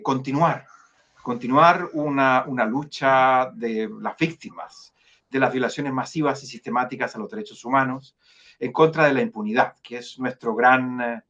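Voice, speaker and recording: A man with a Chilean accent speaks as the guest of an online interview at a middling pitch. He is measured and hesitant, full of fillers and restarts. The call audio sounds a little dull and lo-fi. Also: a bit bright. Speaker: foundation director, guest.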